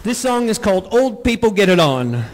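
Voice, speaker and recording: A man in his forties doing live stand-up comedy before an audience, playful with drawn-out punchlines. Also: high voice, very animated, long reverb tail, background noise. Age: 40s. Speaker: comedian and singer.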